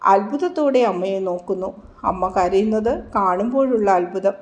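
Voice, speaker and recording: Woman reading a bible story out loud, slow and reverent, soft mellow voice. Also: medium pitch. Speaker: narrator.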